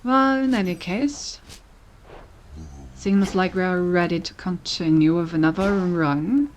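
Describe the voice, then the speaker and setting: A woman streamer giving casual, relaxed commentary while she plays, thinking aloud about her next steps. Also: lowish voice, a little slow, a little hiss or hum.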